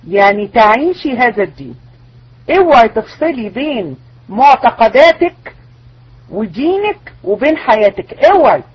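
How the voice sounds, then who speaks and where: A woman's voice: a little high, slightly rough, highs cut off. A woman religious teacher with an Egyptian accent, giving an online lecture full of rhetorical questions and insistent warnings. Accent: Egyptian Arabic.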